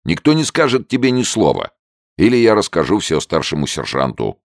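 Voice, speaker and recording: A man's voice: low-pitched, huge pitch swings, brisk, vocal fry, no echo, studio quality, pitched above the performer's own voice, heavily acted. A man voicing a young male soldier who argues heatedly and insistently. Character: agitated young male soldier, pushy persuader.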